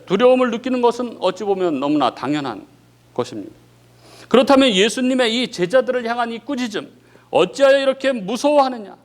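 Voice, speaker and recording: A man preaching with a high, very animated voice that swoops between bold peaks and hushed low endings. He fills pauses with a short affirming word and acts out the feelings in the story as he speaks. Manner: dramatic preaching that acts out the disciples' cries, rising and falling sharply; frequent filler "예" between phrases. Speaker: pastor. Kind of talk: sermon.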